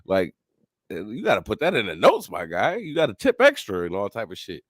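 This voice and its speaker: Lively low-voiced man bantering in slang. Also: brisk, no echo, studio quality. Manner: slangy, laid-back banter. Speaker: co-host of a reaction stream. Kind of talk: casual chat reacting to a clip.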